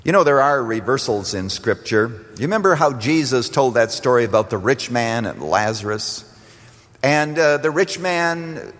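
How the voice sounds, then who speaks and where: Animated older man preaching, Canadian-raised. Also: big-room sound. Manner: animated preaching, swelling to emphatic peaks and dropping low. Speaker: pastor. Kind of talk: radio sermon.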